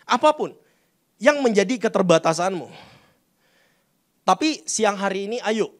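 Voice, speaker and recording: A man's voice: high-pitched, animated, a little slow. A man preaching a sermon, talking conversationally and often turning to the congregation. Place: church.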